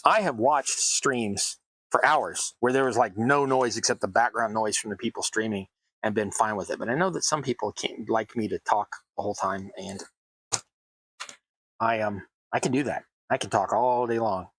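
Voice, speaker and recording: On poor, roomless audio, an American man with a lowish, fairly bright voice speaks at normal speed. He's building tabletop terrain and chatting casually to his stream, rambling and joking at his own expense while cutting sounds come from the worktable.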